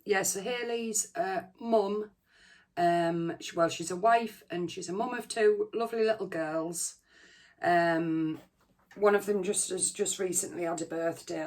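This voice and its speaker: A British woman with a fairly low voice talks at a slow, hesitant pace, as if chatting to viewers of her cooking channel. She sounds under the weather, with a sore throat, a congested chest and short breath. Her delivery is informal and rambling. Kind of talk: casual chat to viewers.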